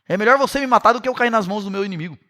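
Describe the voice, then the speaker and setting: A man's voice: high voice, rapid-fire, bright, forceful tone. A man doing a desperate wounded king. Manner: frantic, desperate. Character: desperate wounded old king facing death.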